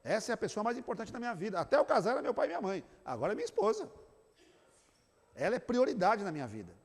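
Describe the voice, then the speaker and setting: Lively Brazilian pastor, high voice, reverberant hall. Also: male voice, racing, creaky, husky. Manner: animated storyteller, acts out family scenes; tags sentences with "né?". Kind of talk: church talk to couples. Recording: long reverb of a church hall.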